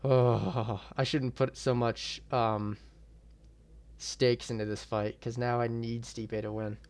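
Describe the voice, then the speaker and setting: A man's voice: mid-range voice, flat delivery, slow, a little mellow. A young man hosting his own MMA channel, ranting in a heated, profane and blunt way about a boxing match. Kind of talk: ranting reaction vlog.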